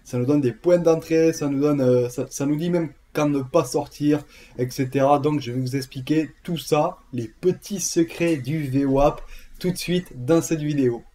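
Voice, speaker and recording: A man's voice: a little high, moderate pace, warm tone. A man with a southern French accent explaining a trading tool in a casual screen-share tutorial, chatty, with frequent fillers and repeated words. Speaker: trading educator.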